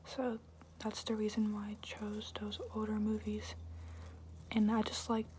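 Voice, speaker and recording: A young adult woman whispering softly and close up in a hesitant, rambling, casual ASMR question-and-answer style. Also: medium pitch, monotone, unhurried, a little hiss or hum. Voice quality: breathy, unvoiced whisper. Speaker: ASMR video creator. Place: small room indoors, at home.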